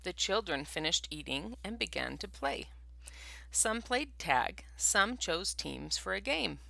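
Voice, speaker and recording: Expressive, lively woman teacher reading aloud. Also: lowish voice, takes it slowly, vocal fry, no echo. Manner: expressive, asks the class questions. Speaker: first grade teacher. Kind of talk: reading a picture book aloud to a class.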